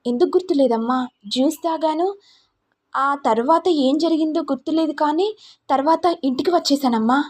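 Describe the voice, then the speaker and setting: A woman's voice: sits high, normal speed, a little mellow, pitched above the performer's own voice, close to an everyday voice. Woman doing a timid naive young daughter. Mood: hesitant. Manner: hesitant, pleading, ends lines with "amma".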